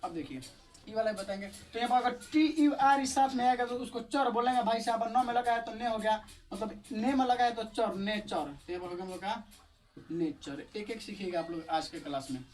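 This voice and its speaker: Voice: medium pitch, fairly quick, a little mellow. A teacher walks through English pronunciation in a video lesson, spelling each word out letter by letter. The delivery is casual and chatty, with frequent rhetorical questions. The voice sounds a little distant from the mic. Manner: explains step by step in a casual, chatty tone.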